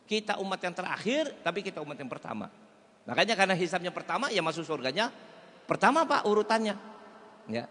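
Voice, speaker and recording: A man's voice: high voice, fairly bright tone. A male preacher, giving a weekly mosque sermon full of rhetorical questions to the audience and chanted Arabic phrases. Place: mosque hall. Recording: echoey hall reverb.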